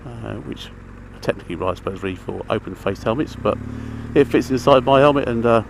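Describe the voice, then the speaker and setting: A creaky, mid-pitched voice moves along fairly quickly as the rider chats casually about gear. Recorded outdoors inside his helmet, the rambling, matter-of-fact talk competes with engine and traffic sounds.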